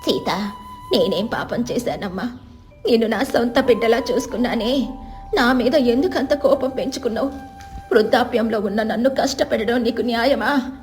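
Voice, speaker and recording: A woman voicing a meek, tearful mother-in-law in her seventies who speaks softly and pleads. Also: medium pitch, normal speed, faint music behind, voice pushed down, close to an everyday voice. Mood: pleading. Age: 70s. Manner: pleading, soft and shaky.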